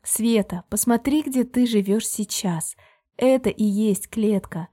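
A woman reading the part of a controlling man in an audiobook, speaking evenly and almost friendly while quietly pressuring. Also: on the high side, a little slow. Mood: scornful. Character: controlling adult man, calm and falsely caring.

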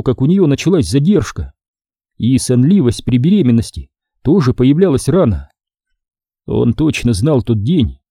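Dark-voiced man narrating an audiobook. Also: mid-range voice, dry recording, clean studio sound.

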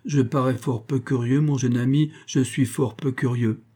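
A sardonic aristocratic old marquis, as a man reads him, languid and unruffled, mocking every word. The voice sits a touch raised and dark-toned, with a slightly husky grain. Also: mid-range voice, fairly even intonation, moderate pace, pitched above the performer's own voice, lightly acted.

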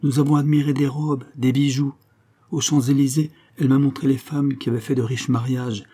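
A man's voice: mid-range voice, flat delivery, a little fast, mellow, slightly rough, voice pushed up, close to an everyday voice. A man reading aloud, voicing an eager, pleading fifteen-year-old girl in a storybook. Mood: earnest. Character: passionate girl of fifteen, ardent and loving.

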